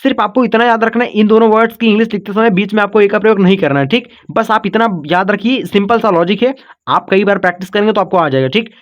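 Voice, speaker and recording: High-voiced male teacher, patient and repetitive. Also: fast, muffled recording. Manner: patient, repetitive explaining, breaks words into syllables; calls listeners "kids" and "brother", checks in with "okay". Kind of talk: online spelling lesson.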